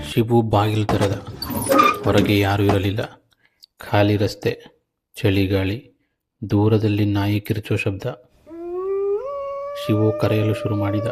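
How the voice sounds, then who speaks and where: A man narrating a horror story in a measured, suspenseful way. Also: on the low side, little pitch movement, loud music behind the voice.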